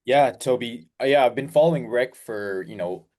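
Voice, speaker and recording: A man's voice: mid-range voice, moderate pace, darkish tone. A man playing a prospect in a sales role-play, making casual, repetitive small talk.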